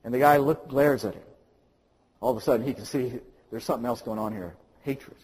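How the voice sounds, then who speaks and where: A male pastor preaching an impassioned sermon, swinging from quiet to loud. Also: mid-range voice, a little fast, breathy edge, long reverb tail, low-quality recording.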